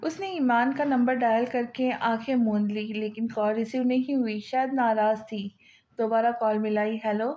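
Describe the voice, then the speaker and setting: Female audiobook narrator, fairly high voice, steady delivery, dull lo-fi recording. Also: moderate pace. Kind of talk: novel reading.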